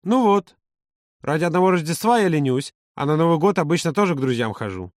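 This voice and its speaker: A man voicing a lively, teasing young man in an audiobook, pitched higher than his narration. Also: brisk, no room sound, clean studio sound. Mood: easygoing. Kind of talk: audiobook character voice.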